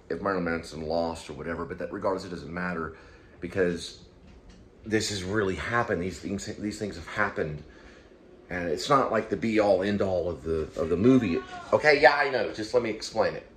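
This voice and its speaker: With a steady hum of room noise behind him, a man who hosts a YouTube show and writes as a hobby talks on his own, his voice low and a little fast. His relaxed commentary wanders hesitantly, looping back over the same points.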